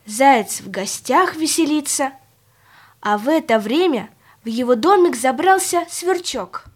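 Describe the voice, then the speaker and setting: A woman narrating a children's fairy tale in a gentle, expressive storytelling manner. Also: high-pitched, a little slow.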